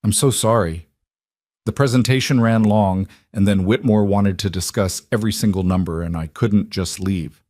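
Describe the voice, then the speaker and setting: Storybook role: a man playing a weary, kind single dad, low voice, dry recording. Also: fairly even intonation, moderate pace, darkish tone, dry recording, lightly acted. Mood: reassuring. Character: tired, kind working single father.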